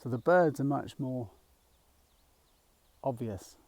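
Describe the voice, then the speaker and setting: A middle-aged man talking gently while walking outdoors, a little out of breath, rambling with fillers as he guides a mindfulness practice. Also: medium pitch, expressive, takes it slowly. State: slightly out of breath. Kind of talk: casual walking vlog. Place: outdoors in a field by a small woodland.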